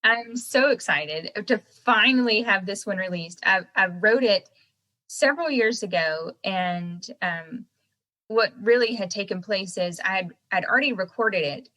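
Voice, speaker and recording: Bright-voiced American woman, slightly lopsided speech. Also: mid-range voice, measured pace, low-quality recording. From United States. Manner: chatty, laughs as she talks. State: mouth swollen after surgery, talking out of one side. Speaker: podcast guest, singer-songwriter. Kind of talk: casual chat.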